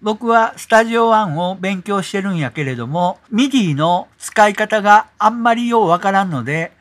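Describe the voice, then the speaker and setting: Higher-voiced Kansai man explaining an app. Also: moderate pace. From Kansai, Japan. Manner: relaxed, explanatory. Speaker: YouTube host explaining an app. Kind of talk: tutorial explanation.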